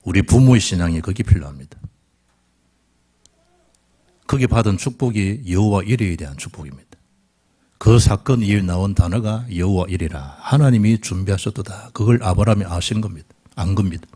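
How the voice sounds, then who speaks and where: A man's voice: low voice, moderate pace, mellow, slightly rough. A middle-aged male pastor preaches a sermon, acting out the quoted voices of biblical figures.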